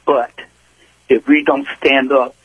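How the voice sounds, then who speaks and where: Male caller, husky mid-range voice, dry sound, fervent and preachy. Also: medium pitch, level tone, slow pace, no room sound, narrow, tinny audio. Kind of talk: call-in radio talk.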